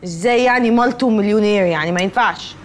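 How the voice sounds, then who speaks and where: An actress with an Egyptian accent playing a bossy, sharp-tongued young woman in a sitcom, bickering sarcastically. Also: mid-range voice, racing, a little hiss or hum, close to an everyday voice. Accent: Egyptian Arabic. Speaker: sitcom character. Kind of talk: sitcom acting.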